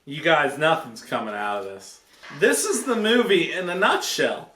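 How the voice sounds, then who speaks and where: A man's voice: a little high, big pitch swings, moderate pace, bright, forceful tone. A man giving a rambling, comedic film review to camera, sounding drunk and repeating himself. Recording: echoey room.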